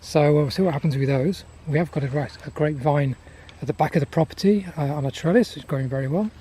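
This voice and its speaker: A man giving a casual, unscripted garden tour outdoors, listing things in an unhurried, appreciative way. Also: a little high, warm tone. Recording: outdoor ambient noise.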